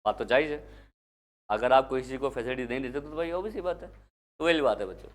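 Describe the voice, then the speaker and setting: A man's voice: medium pitch, fairly quick. A man from India teaching an exam-prep class. He keeps asking the students questions, answers them himself, and mixes English terms into his Hindi.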